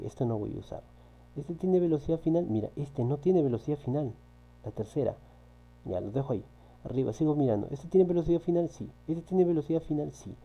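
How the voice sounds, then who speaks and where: A man's voice: medium pitch, dark tone, low-quality recording. A man teaching a physics class, patiently repeating key points and often checking with his students. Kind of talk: recorded online class walking through exercises. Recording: faint electrical hum.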